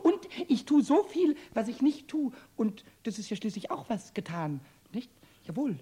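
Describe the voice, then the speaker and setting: A woman's voice: on the high side, very animated, moderate pace, mellow, slightly rough. A woman voicing a lazy, playful little male kobold in a children's radio play, stammering and rhyming nonsense words. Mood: cheeky.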